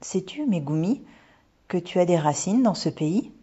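A woman voicing a gentle mother who speaks in a teasing, mysterious way. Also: fairly low pitch, lively intonation, moderate pace, husky. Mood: playful. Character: gentle playful mother with a secret. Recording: dull lo-fi recording.

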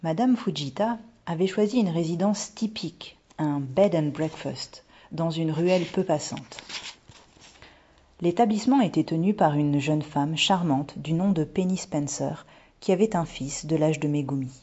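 Husky, low-voiced woman storyteller. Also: a little slow, dark tone. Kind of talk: storybook narration. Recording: dull lo-fi recording.

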